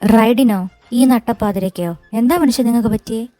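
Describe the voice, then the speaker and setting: A woman voicing a sharp-tongued wife who nags and scolds her husband in a fan audio drama. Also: on the high side, normal speed, dry recording, faint music behind, lightly acted. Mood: scolding. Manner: nagging, scolding.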